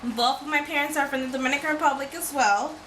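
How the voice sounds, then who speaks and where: A woman from Venezuela chatting casually on a vlog, giggly and animated. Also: high voice, fast talker, reverberant, a little hiss or hum, low-quality recording. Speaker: vlogger. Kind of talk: casual chat.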